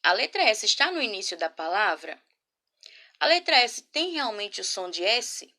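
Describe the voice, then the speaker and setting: A woman teaching a children's class from a camera, patient and affectionate, asking guiding questions and sounding words out slowly. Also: medium pitch, big pitch swings, sharp tone. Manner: patient, slow syllable-by-syllable spelling. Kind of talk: remote class lesson. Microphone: laptop or phone camera.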